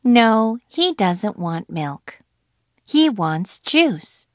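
A woman's voice: mid-range voice, sing-song, very slow, over music. A woman reading the part of a student in a textbook listening dialogue, over-enunciating each word. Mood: plain. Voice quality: careful over-enunciated delivery. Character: plain female student in an English dialogue. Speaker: dialogue speaker in a listening exercise.

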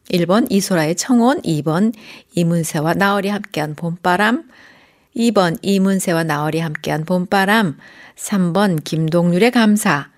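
A woman hosting a radio program, gently talking and reading out listener messages from a studio microphone. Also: on the low side. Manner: gentle, reads listener texts aloud.

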